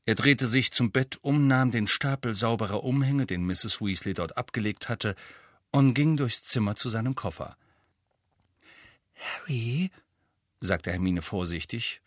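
A man reading a storybook aloud as narrator, expressive and animated. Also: fairly low pitch, normal speed, dry recording, clean studio sound. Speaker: audiobook narrator.

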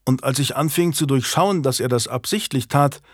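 A man's voice: medium pitch, normal speed, dry recording, clean studio sound, close to an everyday voice. A man reading an audiobook, voicing a proud, wary young king with a clipped, commanding delivery. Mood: bitter. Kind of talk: audiobook character voice.

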